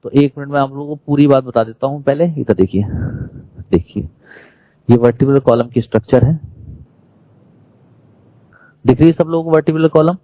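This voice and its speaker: A man's voice: medium pitch, moderate pace, pauses often, no room sound, lo-fi sound. A man with an Indian accent teaching a classroom lecture, who keeps quizzing the class and repeating key terms.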